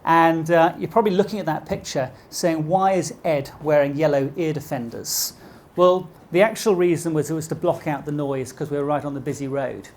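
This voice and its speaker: A man's voice: on the high side, fairly even intonation, normal speed, slight background noise. A middle-aged man with a posh British accent gives a motivational business talk to a live audience, engaging listeners with rhetorical questions. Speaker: keynote speaker. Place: speaking live at an event before an audience.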